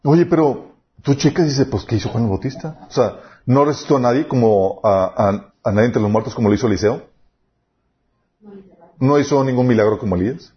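A man's voice: medium pitch, fairly quick. A man preaching a sermon, telling personal stories and acting out quoted dialogue. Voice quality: animated, storytelling with quoted dialogue. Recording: dull lo-fi sound.

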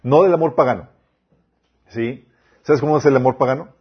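Husky-voiced man preaching a sermon. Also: mid-range voice, normal speed, dull audio. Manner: addresses listeners as "chicos", quotes scripture, rhetorical questions.

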